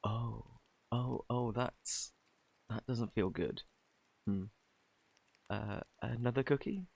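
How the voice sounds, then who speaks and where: A man with a British accent playing a flirty, bashful, kindly Cupid in an intimate ASMR romance roleplay, softly spoken, stammering and flustered. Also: mid-range voice, gravelly, breathy edge, full character voice. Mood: concerned, gentle. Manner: flustered, stammering, halting, apologetic.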